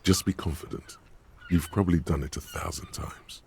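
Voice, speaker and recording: Tiefen, kratzigen Spielerzähler. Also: male voice, a little mellow, a little hiss or hum. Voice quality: deep, measured, ominous. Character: gravelly omniscient male game narrator. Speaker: narrator. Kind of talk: second-person game narration.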